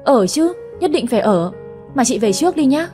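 Woman voicing jealous young village woman, whiny, raised pitch. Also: very animated, normal speed, dark tone, faint music behind. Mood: sulky.

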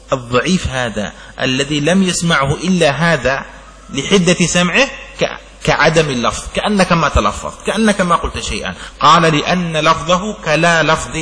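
A man lectures on religious law in a large hall that rings with a long echo. His voice sits a little high and sounds bright. He reads each passage slowly, then explains it with examples and keeps asking his students whether it is clear. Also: animated. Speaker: sheikh teaching Islamic jurisprudence. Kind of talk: classroom lecture on a legal text.

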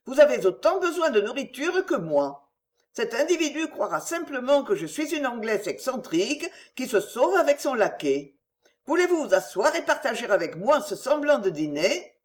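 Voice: high voice, very animated, normal speed, voice pushed up. A reader voicing an anxious young noblewoman who pleads earnestly in an audiobook. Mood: pleading. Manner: pleading, urgent.

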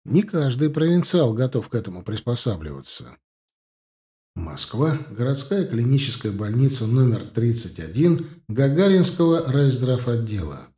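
Husky-voiced male audiobook narrator. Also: medium pitch, very animated, normal speed, warm tone. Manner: reflective, conversational. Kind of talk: first-person audiobook narration.

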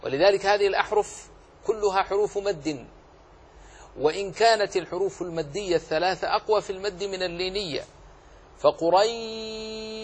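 A middle-aged man teaching Quran recitation rules, drawing out words slowly to demonstrate the sounds. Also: sits high, slightly rough. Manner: slow drawn-out demonstrations of vowel sounds. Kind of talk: tajweed lesson with recited examples.

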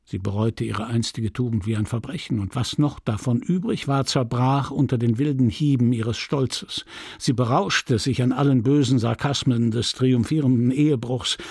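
A man reading a literary novel aloud as an audiobook, measured and expressive. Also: mid-range voice, no echo, studio quality. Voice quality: gravelly, husky. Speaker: audiobook reader.

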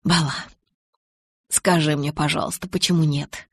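A woman reading the lines of an intense young male vampire in an audiobook, in a low, insistent murmur. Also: steady tone, normal speed, husky, no room sound. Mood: coaxing.

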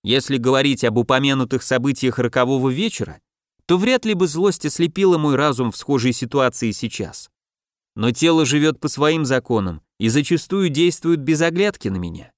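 A man narrating a first-person audiobook in a calm, measured, contemplative manner. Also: mid-range voice, dry recording, clean studio sound.

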